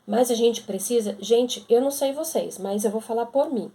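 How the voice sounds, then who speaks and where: A woman's voice: a little high, moderate pace, dark tone. A woman giving casual Bible teaching to women, talking conversationally and acting out quoted objections.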